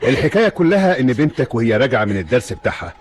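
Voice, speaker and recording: A firm, calming Egyptian police officer, as an actor plays him in a film drama. His voice moves a lot in pitch, and he speaks quickly. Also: a little hiss or hum, natural voice. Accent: Egyptian Arabic.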